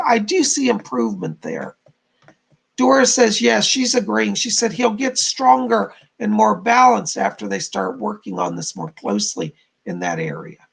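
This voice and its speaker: A man with a high-sitting, hoarse, croaky, frog-like voice works as a psychic medium, giving live spiritual readings to donors.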